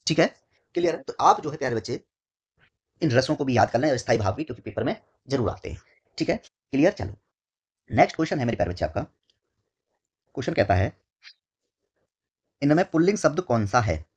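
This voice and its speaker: Teaching an exam-prep lesson, a man speaks in a sing-song way with a husky, slightly breathy voice pitched in the middle. He addresses his students as his dear children, slowly repeats every key term, and keeps checking in with "ठीक है".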